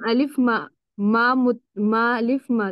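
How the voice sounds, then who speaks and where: A woman student recites letter drills very slowly and hesitantly, sounding them out one by one. Her voice is smooth, dry and close, with a dull lo-fi edge. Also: on the high side, fairly even intonation, no echo. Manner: hesitant, slow and careful. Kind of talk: reciting lessons aloud.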